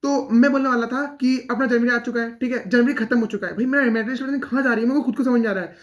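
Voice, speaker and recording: Rapid-talking young man, self-mocking ramble. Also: very high voice, steady tone, dull audio. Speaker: exam aspirant giving motivation. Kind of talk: casual monologue to camera.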